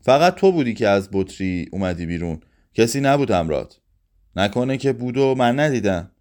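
A man voicing a gruff but kindly young man in a read-aloud story, asking blunt, teasing questions. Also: lowish voice, big pitch swings, darkish tone. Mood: puzzled.

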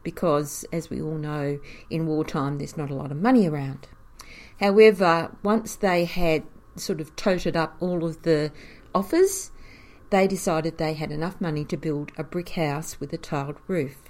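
Lively woman telling local history. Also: deep voice, normal speed. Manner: animated storyteller, chuckles often. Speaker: caretaker of a historic cottage museum. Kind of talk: storytelling in an interview.

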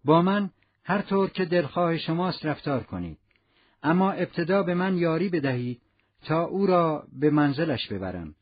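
A man voicing a weary fugitive who pleads in a low, earnest voice. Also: animated, husky. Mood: pleading. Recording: muffled lo-fi recording.

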